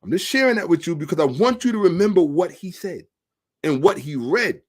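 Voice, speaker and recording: A man's voice: high voice, animated, fairly quick. A man hosting a social commentary monologue, emphatic and repetitive, asking rhetorical questions. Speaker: host.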